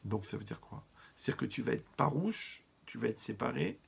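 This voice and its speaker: A man giving a lively Torah lesson, talking straight to his listeners and using funny everyday examples. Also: medium pitch, a little fast, creaky, breathy edge. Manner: lively, talks to listeners directly, humorous examples. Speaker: rabbi teaching Torah.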